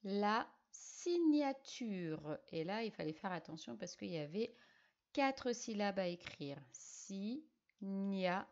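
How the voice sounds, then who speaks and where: A woman teaching young pupils, correcting a dictation by sounding out each syllable and letter slowly. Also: mid-range voice, expressive, gravelly, highs cut off. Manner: slow, syllable-by-syllable spelling out. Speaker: primary school teacher.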